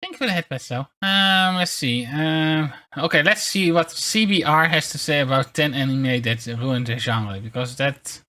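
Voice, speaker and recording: A streamer of unclear sex chatting casually in a hesitant, rambling way and reading bits aloud, with a mid-pitched voice. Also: moderate pace, hardly any pauses, sharp tone. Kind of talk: casual livestream chat, reading articles aloud. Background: background music.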